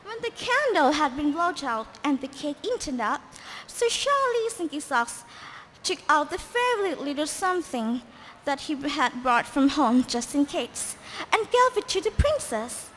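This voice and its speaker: A woman narrating a children's storybook as readers' theatre, in a lively, expressive way. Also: high-pitched, normal speed, slight background noise. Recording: echoey hall.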